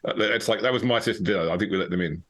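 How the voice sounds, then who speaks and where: A man playing a tabletop role-playing game, talking casually in a hesitant, halting way. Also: on the low side, fairly bright tone.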